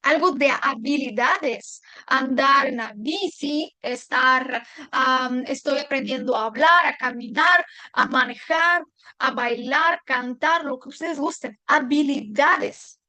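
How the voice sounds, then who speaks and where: A woman teaching a language lesson, patient, repeating words slowly and clearly. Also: high voice, sharp tone, dry recording, low-quality recording.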